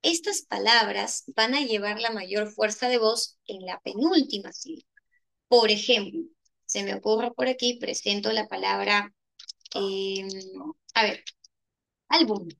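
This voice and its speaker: A woman's voice: medium pitch, a little slow, creaky, a bit bright. A woman teacher walking through exam answers, explaining step by step and asking rhetorical questions, with a Peruvian Spanish accent. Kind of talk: exam solution lesson.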